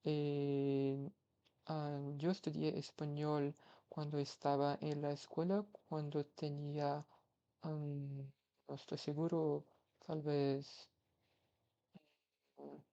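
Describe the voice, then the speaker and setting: This 21-year-old language-learning vlogger from Brazil talks slowly and flatly in a mellow, somewhat high voice with vocal fry and long pauses. He has a Brazilian Portuguese accent and stumbles through many fillers and restarts as he practices foreign languages, and the audio is muffled.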